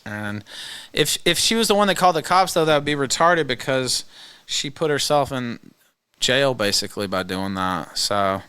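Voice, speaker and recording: A man hosting a livestream with casual commentary, speaking hesitantly with pauses. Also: mid-range voice, lively intonation, sharp tone, smooth, no echo. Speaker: livestream host.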